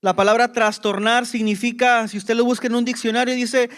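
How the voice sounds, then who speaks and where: High-pitched pastor guy preaching hard, rhetorical questions, rising and falling. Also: little pitch movement, brisk, fairly bright tone. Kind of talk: sermon.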